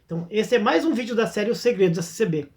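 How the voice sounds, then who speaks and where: A middle-aged Brazilian man with a Brazilian Portuguese accent, hosting his own channel in a casual critical monologue, halting and repeating words as he thinks. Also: high voice, expressive, darkish tone. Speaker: YouTube channel host.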